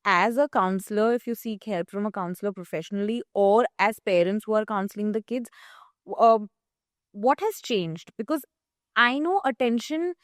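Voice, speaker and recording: A woman's voice: mid-range voice, animated, moderate pace, no room sound, clean studio sound. A woman hosting an interview in a conversational style. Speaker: interview host.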